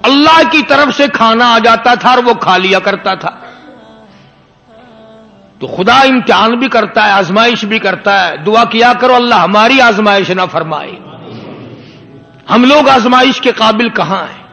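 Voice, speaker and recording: A male preacher telling a moral story in an impassioned sermon, with rhetorical questions and drawn-out emphasis. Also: high voice, vocal fry, bright, forceful tone. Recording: long hall reverb.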